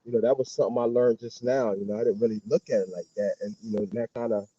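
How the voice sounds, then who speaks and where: Stream caller, male, muffled as if through a wall over a dull, low Bluetooth mic, halting and casual. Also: steady tone, dark tone, husky. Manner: halting, full of fillers. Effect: muffled and low, as if heard through a wall. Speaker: caller on a live stream panel. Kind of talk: casual chat. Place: outdoors.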